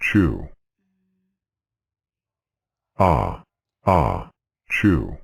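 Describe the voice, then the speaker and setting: A woman voicing a big number block through a pitched-down effect, chanting slowly. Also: big pitch swings, creaky, slightly rough, no echo, full character voice. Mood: booming.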